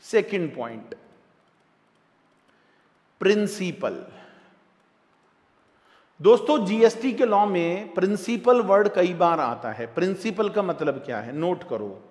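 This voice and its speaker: A man with an Indian accent giving a classroom lecture on tax, lively and repetitive, often calling his students "dear". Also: sits high, slow pace, pauses often, big-room sound.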